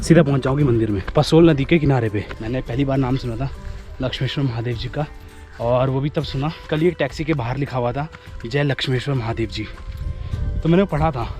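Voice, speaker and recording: A young man talking his viewers through a walk to a hill temple. He speaks in a relaxed, chatty way at a medium pitch. Music plays behind him. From Uttarakhand, India. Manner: relaxed, chatty guide talk. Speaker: travel vlogger. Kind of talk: casual vlog narration.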